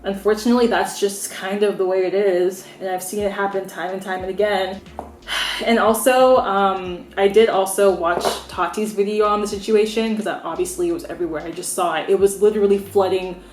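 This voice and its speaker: A young woman from the United States talks straight to camera as a beauty vlogger, candid and opinionated. Her voice sits at a middle pitch and her speech is loose, peppered with "like." The sound carries a noticeable room echo. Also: fairly even intonation, moderate pace. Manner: frank, opinionated, conversational with many "like"s. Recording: roomy echo.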